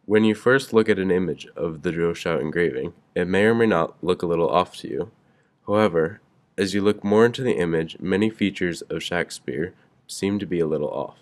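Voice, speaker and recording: A man's voice: low-pitched, fairly quick. A man narrating a school project presentation, reading steadily from a script. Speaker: student presenter.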